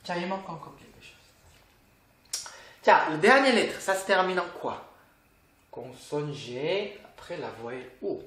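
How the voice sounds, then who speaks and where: A language teacher talks through a lesson at an unhurried pace. The voice rises and falls a lot, with a patient habit of quizzing the listener. A roomy echo hangs on the recording. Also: mid-range voice, expressive, fairly bright tone. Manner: patient, asks the viewer questions. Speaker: Korean teacher.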